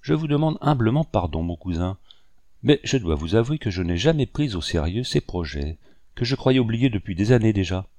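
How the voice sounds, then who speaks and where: A man reading an audiobook, voicing a young gentleman who speaks with polite, cold composure. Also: fairly low pitch, sing-song, normal speed, dry recording. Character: young man, cool and formal.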